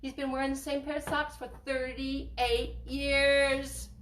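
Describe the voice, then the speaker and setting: A woman storyteller telling a children's fable in a playful, animated way, asking the listeners questions, recorded in a library room from a distant camera. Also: sits high, takes it slowly, echoey room, a little hiss or hum.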